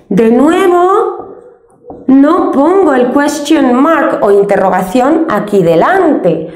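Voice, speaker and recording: A woman teaching an English grammar lesson step by step, patient and explaining things slowly with many diminutives. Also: fairly high pitch, a little mellow, echoey room.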